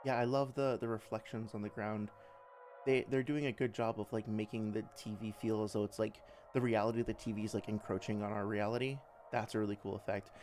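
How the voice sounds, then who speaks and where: A man's voice: on the low side, level tone, a little fast, darkish tone, faint music behind. A man casually commentating on a game he plays live, with thoughtful, analytical asides like a developer. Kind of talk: casual livestream gameplay commentary. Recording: clear background noise.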